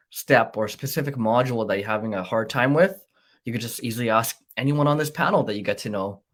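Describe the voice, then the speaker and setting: A man hosting a live online business panel, upbeat and reassuring, with a salesy pitch. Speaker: panel host. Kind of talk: casual live panel talk.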